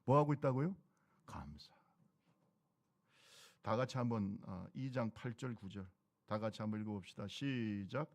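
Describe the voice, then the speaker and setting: A man's voice: lowish voice, fairly quick. A middle-aged man preaching a sermon as pastor, exhorting the congregation with repeated calls.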